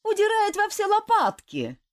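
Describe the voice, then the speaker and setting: A woman's voice: extremely high pitch, wildly swooping pitch, moderate pace, dry recording, studio quality, pitched above the performer's own voice, full character voice. A woman voicing a cheeky, laughing boy who calls down from a tree. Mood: mocking. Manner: laughing, teasing.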